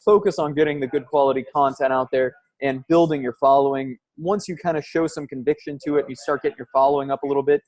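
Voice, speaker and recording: A man's voice: medium pitch, steady tone, fast, hardly any pauses, a little mellow, no room sound. A man giving a casual, informal vlog-style product test as a podcaster, recorded on a wired earbud headset used as a microphone. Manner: conversational, informal. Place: loud coffee shop. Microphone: wired earbud headset used as mic.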